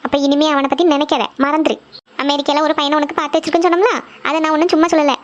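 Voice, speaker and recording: A woman's voice: sits high, level tone, racing, highs cut off, natural voice. A woman voicing a strict middle-aged mother, scolding and lecturing her daughter.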